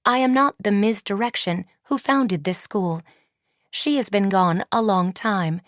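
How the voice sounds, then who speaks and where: A woman with a mid-range, near-everyday voice speaks at a measured pace, recorded dry with clean studio sound. She voices a colorless female school founder made of words, coldly commanding, giving clipped announcements that each start with a one-word label.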